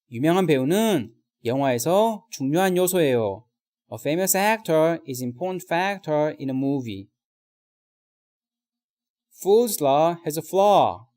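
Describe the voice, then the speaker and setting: A man teaching vocabulary in a recorded lesson, speaking straight to viewers and drilling slow example sentences. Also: fairly high pitch, expressive, a little mellow.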